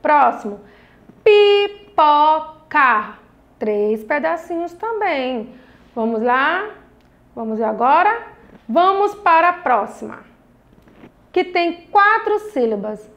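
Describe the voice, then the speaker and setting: Her voice sits high and fairly bright, moving slowly with big swings in pitch. She is a young Brazilian primary school teacher with a Brazilian Portuguese accent, giving children a recorded lesson in a patient, encouraging way and stretching out each syllable of her words.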